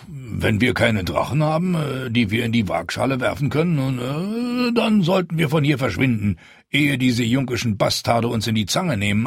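A man's voice: medium pitch, vocal fry, breathy edge, no room sound, clean studio sound, pitched above the performer's own voice, exaggerated voice. A man doing a grizzled, hemming mercenary captain. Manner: hesitant, drawling, many filler sounds. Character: grinning old mercenary captain, gruff.

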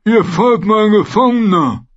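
A man voicing a greedy, cruel mercenary captain who slobbers and lisps through drawn-out words in an audiobook. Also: high voice, lo-fi sound, voice pushed up. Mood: gloating. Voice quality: lisping, drawn-out slobbering speech. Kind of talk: audiobook character voice.

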